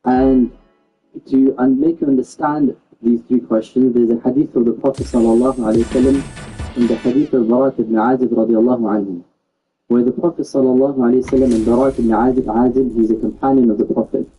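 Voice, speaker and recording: A man from England teaching an Islamic lesson, speaking in an earnest, questioning way with a middle-pitched voice. He repeats words and circles back as he explains things. Music plays clearly behind him. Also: fairly even intonation, quick pace, warm tone, rough recording. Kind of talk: religious lesson to a gathering.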